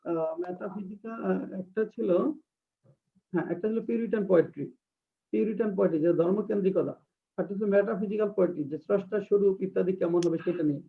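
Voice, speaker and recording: A man giving an online exam-prep lecture, hesitating often and slowly dictating and repeating definitions. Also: high-pitched, vocal fry. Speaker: English literature teacher. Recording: distant, tinny phone-like sound.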